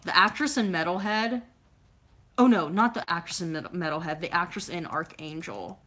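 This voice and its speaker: A woman's voice: fairly low pitch, animated, normal speed, fairly bright tone. A woman in her twenties chatting at home on a livestream, reading comments in a rambling way, with lots of fillers and silly sound effects. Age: 20s. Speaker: YouTuber reading live chat. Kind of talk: casual livestream chat.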